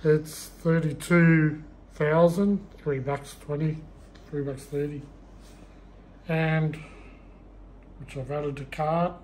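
A man's voice: fairly high pitch, takes it slowly, pauses often, slight background noise. Easygoing man vlogger. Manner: relaxed, chuckling. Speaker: travel vlogger. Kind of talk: casual vlog chat.

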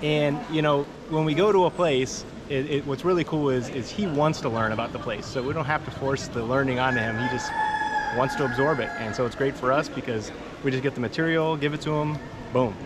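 A middle-aged man answering interview questions casually outdoors, quick and stumbling over the first words of a thought. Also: mid-range voice. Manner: quick, repeats words when starting a thought. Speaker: traveling parent interviewee. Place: outdoors at a busy temple site. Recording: outdoor background noise.

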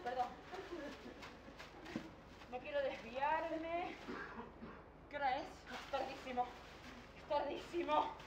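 A flighty young woman from the future, played by an actress in a stage monologue, drifting from hushed murmurs to sudden shouts. Her voice sits high and her delivery is slow and drawn out. It is caught from far back in an echoing theatre with audience noise around it. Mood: manic. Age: young adult. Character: young woman from the future, scattered, telepathic, urgent.

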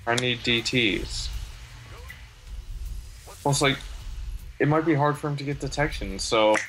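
A man's voice: medium pitch, a little slow, music in the background, poor audio. A young man making dry, wry remarks while casually commenting on a video game. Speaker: gamer.

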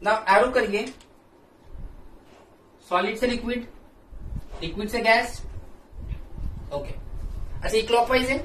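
A male teacher with an Indian English accent giving a classroom lecture, explaining slowly and repeating key terms for notes. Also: extremely high pitch, a bit bright, echoey room, distant mic, a little hiss or hum, poor audio.

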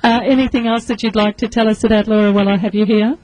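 A woman's voice: a little high, steady tone, fast talker, a little mellow, low-quality recording. A woman hosting a casual radio interview, chatty and laughing often. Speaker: radio host. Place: radio studio. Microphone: studio microphone.

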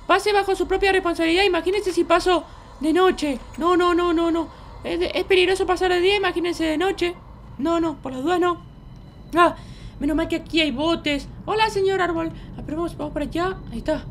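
A woman voicing a mischievous runaway baby boy in a Minecraft roleplay, chatting to the viewers as he sneaks around. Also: slight background noise. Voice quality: squeaky childlike voice. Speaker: roleplay channel performer.

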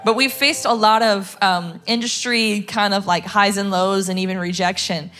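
A woman's voice: medium pitch, fairly even intonation, normal speed, a bit bright. A young adult woman and singer sharing a personal testimony in church in a chatty, conversational way with lots of fillers.

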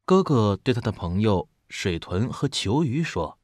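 Male storyteller, animated intonation, dry close recording, picture-book reading. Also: fairly low pitch, measured pace, slightly rough, no room sound. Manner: expressive, storytelling. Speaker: storybook narrator, voice teacher.

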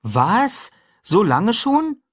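Brief: curious, talkative boy, voice lifted high and a bit husky, as a male narrator plays him. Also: big pitch swings, normal speed, a bit bright, exaggerated voice. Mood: eager curious. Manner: eager, questioning. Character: lively runaway boy, curious and chatty.

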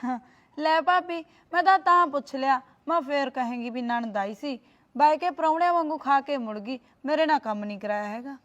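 A sly, meddling young sister-in-law, played by a woman, with a high, coaxing voice. She needles her brother's wife with sweet advice. The audio is dull and lo-fi. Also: a little fast, a bit bright. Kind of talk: short family drama.

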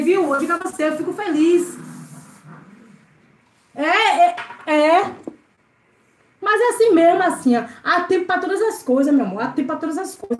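A woman from Brazil hosting a casual live stream from home, chatting with viewers and greeting them by name while she cleans. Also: very high-pitched. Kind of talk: casual live-stream chat reading comments. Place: home service area. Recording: echoey room with faint noise.

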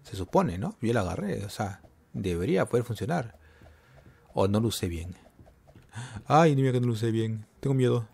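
A man narrates his own game run in a casual, jumpy way, muttering to himself between bursts of fright. His voice is husky and swings widely up and down. Keyboard typing can be heard behind him. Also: lowish voice, very animated, moderate pace, long pauses, darkish tone. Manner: jumpy, talks to himself while playing. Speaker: gameplay commentator. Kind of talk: casual gameplay commentary.

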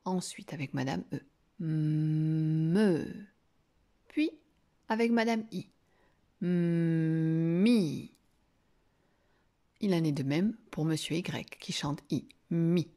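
A woman teacher giving a reading lesson to young children, slowly sounding out syllables and words. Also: lowish voice, expressive, a little mellow, husky. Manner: slow, drawn-out sounding of syllables.

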